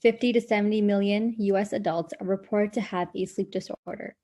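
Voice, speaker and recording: A woman's voice: mid-range voice, fairly even intonation, a little fast, warm tone. A woman in her twenties from Brooklyn, a nursing student reading a health presentation on a video call with small hesitations. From Brooklyn, New York, US. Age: 20s. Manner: reads statistics with small "um" fillers.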